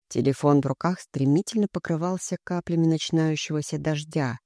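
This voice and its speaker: Mellow, dry audiobook narration. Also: medium pitch, dry recording. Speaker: audiobook reader.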